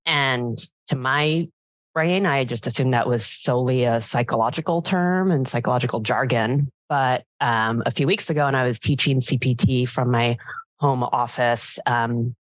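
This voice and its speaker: A woman's voice: extremely low pitch, normal speed, no echo. A woman psychologist, a podcast guest, chatting casually with a playful, teasing manner.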